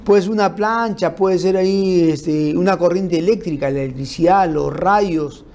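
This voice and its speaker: A man giving an informal law lecture, explaining through lists and examples and checking in with his listeners with quick tag questions. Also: high voice, a little mellow. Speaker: criminal law instructor. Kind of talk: informal lecture on forensic principles.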